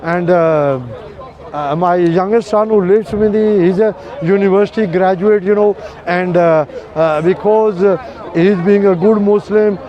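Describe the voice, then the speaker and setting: This is a street conversation in which an older male preacher, voice pitched high and unhurried, explains his outlook to a passer-by with many fillers. The lo-fi recording from the busy outdoor street picks up some chatter in the background.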